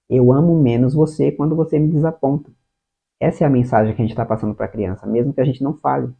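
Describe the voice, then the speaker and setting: Husky Brazilian man on a tinny line. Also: mid-range voice. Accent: Brazilian Portuguese. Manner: earnest, addresses the viewer directly, acts out short quoted lines. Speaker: parenting educator. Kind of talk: explanatory talk to camera. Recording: tinny phone-like sound.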